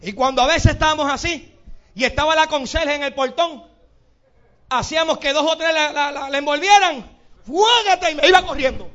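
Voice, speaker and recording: Man, Puerto Rican accent, pastor, sermon, very high pitch, dull lo-fi recording. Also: moderate pace. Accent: Puerto Rican Spanish. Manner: animated preaching with acted-out quotes and sudden shouts. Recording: dull lo-fi sound.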